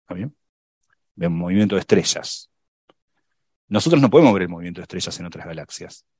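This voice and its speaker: Low-voiced man explaining science, dry sound. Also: expressive, fast talker, a little mellow, slightly rough, dry recording. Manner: thinks aloud with many fillers and restarts. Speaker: science podcast panelist. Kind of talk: casual explanatory chat.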